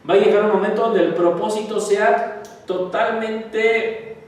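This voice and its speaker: A man giving a spiritual talk, swinging from loud emphasis to quiet asides. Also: high-pitched, fairly even intonation, a little slow. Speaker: spiritual teacher. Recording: echoey hall, mic far off.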